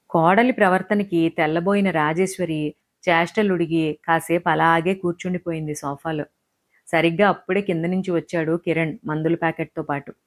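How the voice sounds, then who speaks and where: A woman narrating an audio story, expressive and scripted. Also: fairly low pitch.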